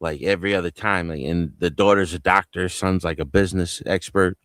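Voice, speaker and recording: A man's voice: deep voice, fairly even intonation, brisk, fairly bright tone. A man chatting on a live panel stream, telling loose, profane stories in a casual way. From New Jersey. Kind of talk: casual livestream panel chat. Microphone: home mic on a video call.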